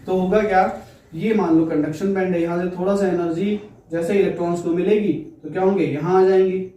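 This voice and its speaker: A man's voice: high-pitched, steady tone, fairly quick, mellow. A man teaching physics, asking questions and answering them himself. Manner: asks questions and answers them himself, repeats key terms; mixes Hindi with English phrases. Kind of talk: classroom lecture. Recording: echoey room, far from the mic.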